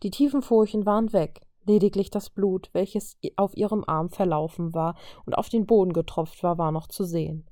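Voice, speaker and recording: A woman reading a story aloud in a calm, even narrating manner. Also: lowish voice, normal speed, hardly any pauses, no room sound, clean studio sound. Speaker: reader.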